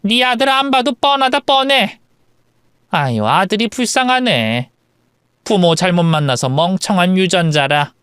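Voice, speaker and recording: A man's voice: high voice, expressive, measured pace, fairly bright tone, clear, resonant tone, no room sound, studio quality. A man voicing a sneering, mocking middle-aged woman bully in a story radio drama. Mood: scornful. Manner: mocking, cackling.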